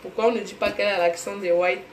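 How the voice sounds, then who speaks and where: A woman with a Cameroonian French accent runs a live cooking stream from her home kitchen, chatting casually and greeting viewers by name. She speaks a little fast in a mid-range, steady voice, against a roomy echo and faint room noise.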